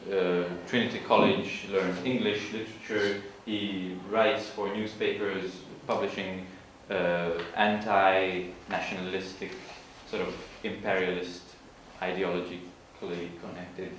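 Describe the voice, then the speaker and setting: A man giving an informal literature presentation, explaining in a halting way and searching for his words. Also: deep voice, little pitch movement. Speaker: student presenter. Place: large room at an evening school event. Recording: echoey hall from far off, faint noise.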